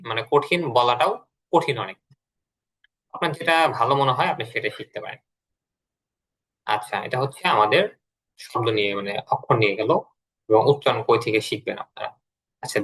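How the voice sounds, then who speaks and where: A man leads an online English class over a computer mic. His voice is bright and sits at a middle pitch. He talks patiently and repeats words slowly so the learners can follow. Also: poor audio. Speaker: English teacher.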